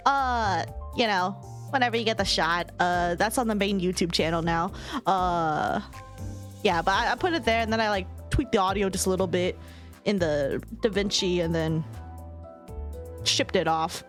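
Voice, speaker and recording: A woman's voice: medium pitch, normal speed. A woman in her late twenties chatting casually on a gaming livestream, with a giggly manner. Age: late 20s. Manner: giggly, laughs often. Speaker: livestream host. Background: music.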